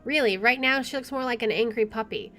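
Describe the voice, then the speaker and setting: Her fairly high, fairly bright voice moves at a brisk clip as this woman let's player reads a visual novel expressively, dropping in chatty asides. Game music runs in the background.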